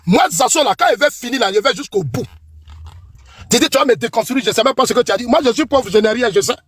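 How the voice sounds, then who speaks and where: A man's voice: extremely high pitch, lively intonation, fast talker, a bit bright, breathy edge. A middle-aged man with an Ivorian French accent, delivering a combative, accusing political tirade that repeats lines for emphasis. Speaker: political commentator.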